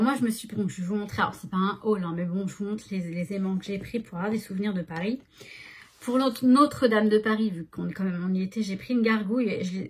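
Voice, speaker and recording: A woman's voice: mid-range voice, slightly rough. A woman chatting casually to her viewers at home, rambling along with many restarts. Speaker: vlogger. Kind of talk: casual vlog chat to viewers. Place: at home by a desk.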